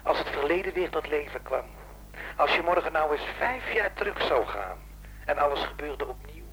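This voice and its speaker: In a noisy, telephone-like radio play recording, a man plays a bitter, menacing caller who torments an old acquaintance over the phone, taunting and insisting. His voice is fairly high, animated and a bit bright, with a husky, exaggerated quality and a moderate pace. The mood is menacing and taunting.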